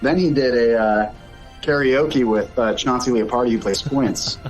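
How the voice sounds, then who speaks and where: A man tells a casual story on a podcast and acts out each person's voice with gusto. His pitch sits in an ordinary middle range. Music plays clearly underneath him. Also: normal speed. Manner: animated storyteller acting out voices. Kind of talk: casual anecdote.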